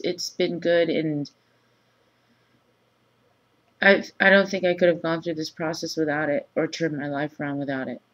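A woman in her thirties who has just woken up, talking groggily and haltingly in a low-key, casual, confessional vlog. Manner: halting, pausing often mid-thought. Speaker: vlogger. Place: small room indoors. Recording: dull lo-fi webcam sound.

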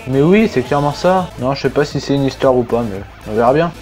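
A young man doing let's play commentary, excitable, yelping and swearing at the game as he plays. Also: medium pitch, fast. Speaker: gaming YouTuber. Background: game music.

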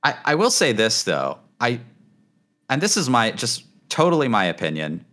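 A man hosting a casual gaming chat, rambling with lots of fillers and trailing off quietly at the ends of thoughts. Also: mid-range voice, big pitch swings, normal speed. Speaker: gaming channel host.

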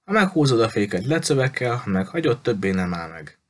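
A man's voice: medium pitch, very animated. A man voicing a boy who grumbles and complains. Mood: annoyed. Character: grumbling boy annoyed at his bike.

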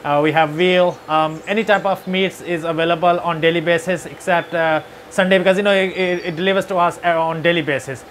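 A man's voice: a little high, fairly even intonation, fairly quick, few pauses, fairly bright tone, a little hiss or hum. A man speaking through a face mask, giving a hesitant, filler-heavy walkthrough of his grocery store. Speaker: store owner giving a tour. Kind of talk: casual walkthrough tour.

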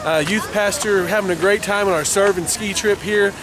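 A man in his thirties, a youth pastor, chatting upbeat to a close camera outdoors at a ski slope, rambling with many pauses. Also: high voice, steady tone. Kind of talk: casual vlog to camera. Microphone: handheld camera close up. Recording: outdoor wind noise.

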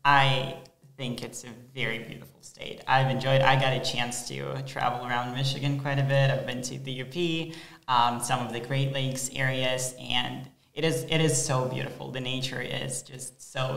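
Teen boy, gravelly voice. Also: mid-range voice, normal speed, a bit bright, echoey room. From Ukraine. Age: teens. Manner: eager, articulate, laughs often. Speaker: exchange student guest. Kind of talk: casual interview answers. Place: small school studio. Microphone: desk mic with headphones.

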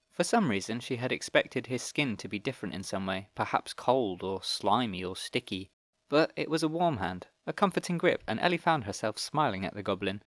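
A man narrating a middle-grade fantasy audiobook in a steady, even storytelling manner. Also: fairly low pitch, no echo, studio quality. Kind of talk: scripted narration.

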